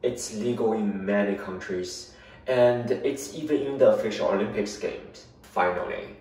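Deep-voiced man vlogging among ruins. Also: measured pace, darkish tone, husky, poor audio. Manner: chatty, explaining on the move. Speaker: travel vlogger. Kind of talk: travel vlog narration.

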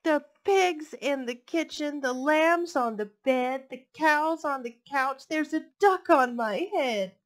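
A woman in her thirties, working as a storytime librarian, reads picture books to kids in her living room with a playful, sing-song rhythm picked up by a headset mic. Her voice sits high and moves slowly, with few pauses.

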